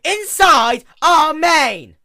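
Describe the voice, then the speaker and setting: A man's voice: very high-pitched, lively intonation, extremely slow, pushed and bright, voice pushed up, exaggerated voice. A man voicing a distraught, hysterical female pony princess of the night with frantic, wailing delivery. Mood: panicked.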